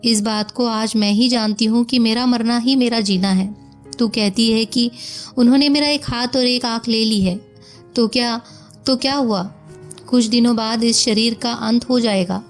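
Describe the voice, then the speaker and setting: A woman voicing a gentle, forgiving young wife on her deathbed, speaking softly and wearily in a storybook reading. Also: fairly high pitch, fairly even intonation, a little slow, soft background music, lightly acted. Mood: weary, resigned. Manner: soft, weary, resigned.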